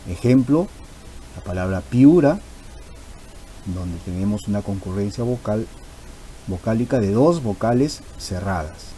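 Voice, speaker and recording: Male teacher, warm low voice, patient and repetitive, faint hiss behind. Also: lively intonation, unhurried, pauses often, low-quality recording. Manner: patient, repeats key terms for emphasis. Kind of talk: explanatory grammar lesson.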